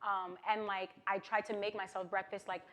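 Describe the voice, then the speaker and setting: A woman's voice: medium pitch, moderate pace. New woman chatting candidly, noisy background. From Queens, New York, USA. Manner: candid, animated, peppered with "like" and "you know". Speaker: interview guest, singer-songwriter. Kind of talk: casual conversational interview.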